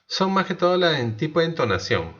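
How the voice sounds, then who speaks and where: A man teaching a class, explaining slowly, asking the students questions and restarting his sentences often. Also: on the high side, sing-song, fairly bright tone, highs cut off. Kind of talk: online class lecture.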